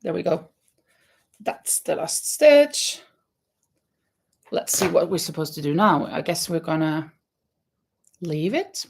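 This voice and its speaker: Her voice sits low, darkish and slightly rough, with vocal fry, and she's very animated despite a slow pace and long pauses. The speaker is a Norwegian woman, native in Norwegian, hosting a crochet livestream from her home craft room. She chats casually, reads viewer comments aloud, counts stitches and laughs with ease.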